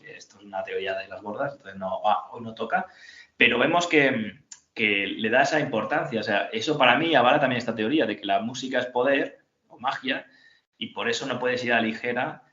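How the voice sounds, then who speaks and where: A man's voice: on the low side, bright, forceful tone. A man hosting a casual book discussion, rambling with fillers and reading passages aloud. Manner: rambling, reads quotes aloud, many fillers. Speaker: podcast host. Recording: roomy, dull lo-fi sound.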